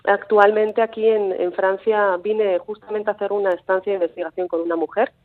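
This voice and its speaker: Over a tinny phone line, a Basque-born woman in her thirties who researches coastal topics gives an interview in Spanish tinged with a Mexican accent. She speaks briskly in a mid-range voice with little pitch movement, yet she is hesitant, full of fillers and false starts.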